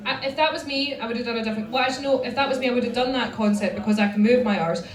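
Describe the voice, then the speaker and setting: A woman's voice: on the high side, rapid-fire. A Scottish woman giving blunt, sweary feedback as a competition judge on stage. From Scotland. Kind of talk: spoken stage critique. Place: roomy live venue with audience. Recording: echoey live venue.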